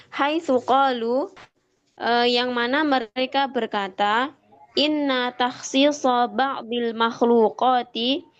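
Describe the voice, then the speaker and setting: A woman's voice: fairly high pitch, lo-fi sound. Woman on a choppy, breaking-up call line. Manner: halting, careful, with frequent hesitant fillers. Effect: choppy, breaking-up online call audio. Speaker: student reading a text aloud in class. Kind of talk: slow reading of a classical Arabic text with line-by-line translation.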